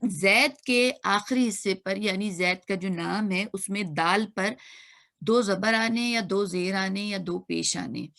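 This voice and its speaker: A woman's voice: medium pitch, fairly bright tone. A woman teaching an online grammar class, patiently repeating and spelling out sounds. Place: online video class room.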